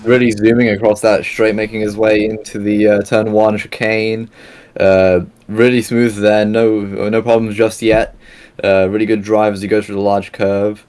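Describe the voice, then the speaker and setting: A man's voice: lowish voice, little pitch movement, normal speed, a little mellow, clean tone. Casual young male race commentator. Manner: casual, rambling with fillers and self-corrections. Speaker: sim racing commentator. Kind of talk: live esports race commentary.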